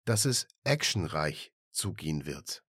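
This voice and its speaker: A man playing a brisk woman travel agent. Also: rumbling low, big pitch swings, fairly bright tone, husky, no room sound, clean studio sound, pitched below the performer's own voice, exaggerated voice. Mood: businesslike. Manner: polite, businesslike, slightly patronizing. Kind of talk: audiobook reading.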